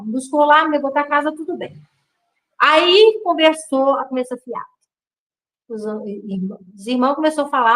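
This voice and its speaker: A woman's voice: sits high, poor audio. A woman from Brazil telling her own life story in a casual way, acting out the dialogue she quotes. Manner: animated, acts out quoted dialogue.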